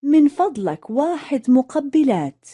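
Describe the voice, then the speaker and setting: A woman, carefully repeating lesson phrases one by one in a clear, scripted way. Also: high-pitched, very animated, a little slow, warm tone. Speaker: language lesson speaker.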